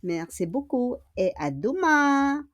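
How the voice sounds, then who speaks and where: A woman teaching French grammar, speaking model phrases slowly and clearly, mixing English and with polite "po". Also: fairly high pitch, very animated. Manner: slow, model phrases spoken clearly for repetition. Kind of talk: online French grammar lesson.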